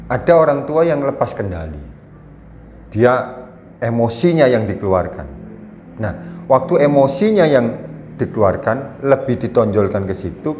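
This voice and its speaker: Man, middle-aged, earnest explanatory talk, mid-pitched, echoey room. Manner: earnest and explanatory, acts out scolding parents with sudden loud bursts. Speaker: guest speaker on parenting. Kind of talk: conversational talk on parenting. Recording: echoey room with faint noise.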